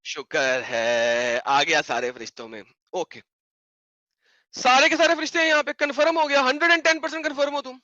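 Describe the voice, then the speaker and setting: Sharp, bright-voiced mocking debater man. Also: very high voice, big pitch swings, dry recording, muffled recording. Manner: mocking, insistent, repeats his questions. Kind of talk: heated online debate.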